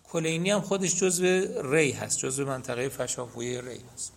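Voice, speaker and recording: Animated and creaky, a man's mid-range voice delivers a hadith lesson in a seminary. He reads out Arabic narrator chains and explains them to the students step by step.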